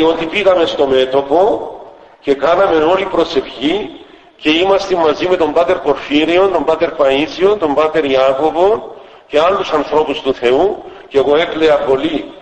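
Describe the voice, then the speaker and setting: A man's voice: on the high side, roomy sound, long reverb tail, poor audio. An older man with a Cypriot Greek accent, a bishop preaching a sermon and retelling stories, acting out the quoted dialogue. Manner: storytelling, acts out quoted dialogue. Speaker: Orthodox metropolitan bishop.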